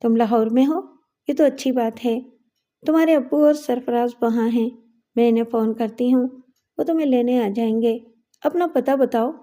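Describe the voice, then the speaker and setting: A woman's voice: fairly high pitch, dark tone, lightly acted. A woman voicing an anxious, loving middle-aged mother who pleads with emotion in a raised voice. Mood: urgent.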